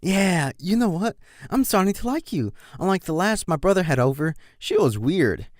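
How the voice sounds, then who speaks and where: A man's voice: high voice, big pitch swings, normal speed, no room sound, studio quality, voice pushed up. A man voicing a young male pony colt who is cocky and whines and stammers when pleading.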